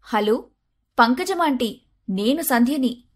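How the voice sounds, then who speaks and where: A woman voicing a scheming young daughter-in-law in an animated storybook, pert and sharp-tongued. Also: high-pitched, slow, heavily acted. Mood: sugary. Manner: pert, sharp, sometimes sugary.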